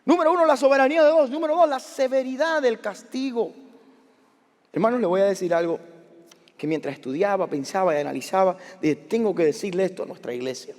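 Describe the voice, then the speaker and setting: A middle-aged man preaching a sermon as a pastor, animated, asking the congregation questions and telling personal stories. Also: sits high, brisk. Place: large church sanctuary. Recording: long hall reverb of a church.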